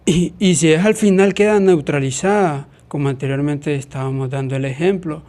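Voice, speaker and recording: A man explaining a phonetics lesson in a hesitant way, with many pauses and restarts. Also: fairly high pitch, darkish tone.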